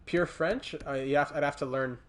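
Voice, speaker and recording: Streaming a hockey video game, a Montreal man with a local accent chats and comments casually in a slightly high voice. He thinks out loud in halting bursts and stops to answer chat, with a faint hiss or hum in the recording.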